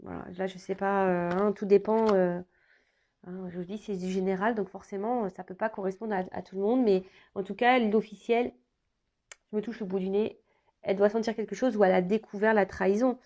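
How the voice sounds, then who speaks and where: A woman's voice: medium pitch, steady tone, fairly quick, dark tone, lo-fi sound. A woman doing a casual tarot reading for her viewers, talking hesitantly with many fillers and restarts. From France. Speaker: tarot reader.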